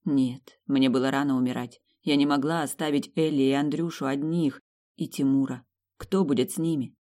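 A woman's voice: very deep voice, fairly even intonation, normal speed, mellow. Woman narrating a first-person story.

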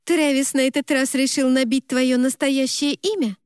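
A woman's voice: high-pitched, fairly even intonation, normal speed, clean tone, no echo, clean studio sound, voice pushed up, lightly acted. A woman voicing an indignant young female best friend who shrieks her reproaches. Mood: outraged.

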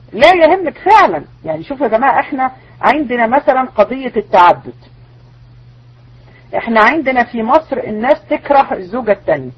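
A woman's voice: on the high side, breathy edge, muffled recording. A woman religious teacher with an Egyptian accent, giving an online lecture full of rhetorical questions and insistent warnings. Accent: Egyptian Arabic.

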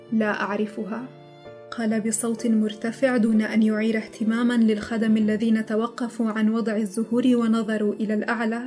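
A woman narrating an audiobook in a steady, even reading voice. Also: fairly high pitch. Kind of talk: scripted narration.

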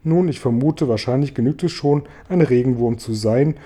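A man puts on a gentle female ladybird who leans in and whispers her thoughts. The voice is soft, dark and husky, with an unhurried storybook warmth. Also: medium pitch, natural voice. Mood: confiding. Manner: whispering confidingly. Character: ladybird, kindly motherly female insect.

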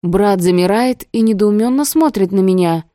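A woman reads a first-person novel aloud in a steady, expressive storytelling voice. Her tone is mellow and warm. The recording is dry and close, with no room sound. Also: medium pitch, moderate pace, no room sound. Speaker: audiobook narrator.

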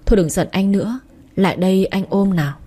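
A woman's voice: mid-range voice, brisk, dark tone, breathy edge, natural voice. A woman voicing a young husband who coaxes and placates his wife in a read-aloud story. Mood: coaxing. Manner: coaxing, placating. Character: young husband, patient and teasing. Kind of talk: audiobook character reading.

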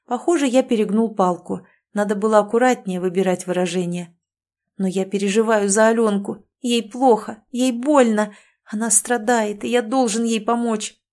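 A woman's voice: mid-range voice, steady tone, moderate pace, darkish tone. A woman reading a first-person story aloud as an anxious, wry inner monologue. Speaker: audiobook narrator.

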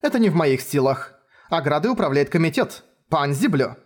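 A man's voice: fairly high pitch, sing-song, moderate pace. A man voicing a firm, practical woman mayor who asks stern, clipped questions.

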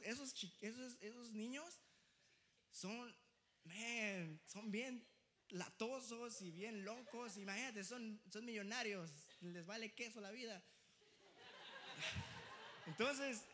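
A young man preaching, telling a personal story in a lively, joking way, often laughing and slipping into English phrases. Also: sits high, a little hiss or hum. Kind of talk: storytelling sermon.

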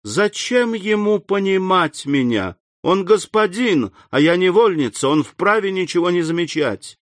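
A man's voice: mid-range voice, expressive, normal speed, no room sound, natural voice. A man reading aloud and voicing a young devoted woman who pleads tenderly in a raised voice. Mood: imploring.

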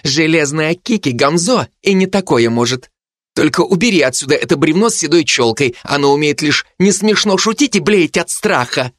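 A man's voice: medium pitch, sing-song, moderate pace, no room sound, clean studio sound. A man reading an audiobook, voicing a stubborn young girl engineer who talks boastfully. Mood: defiant.

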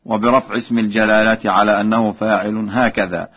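Man teaching Quranic recitation, slow chanting. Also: lowish voice, flat delivery, slightly rough. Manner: measured spoken explanation alternating with slow melodic chanting. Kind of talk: explaining recitation variants with chanted examples. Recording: dull lo-fi archival radio broadcast.

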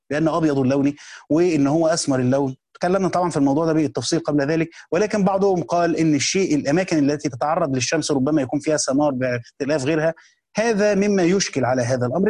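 A man's voice: a little high, a little mellow. A man with an Egyptian accent explaining a classical text in a colloquial lesson, repeating key phrases and restarting words as he goes. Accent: Egyptian Arabic. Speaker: teacher of a hadith book.

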